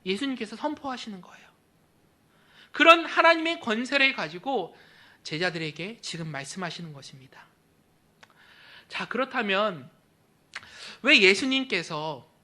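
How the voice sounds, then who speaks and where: A man's voice: sits high, sharp tone. A male pastor preaching a sermon in a church, emphatic, with phrase ends that drop to a near whisper.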